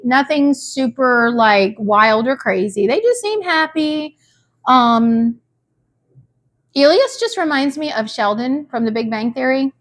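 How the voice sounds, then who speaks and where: A high-voiced woman chats casually as she recaps a reality show. She talks animatedly and slips into quick impressions of the people she describes. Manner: animated, mimics people in quotes, frequent "like". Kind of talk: casual chat.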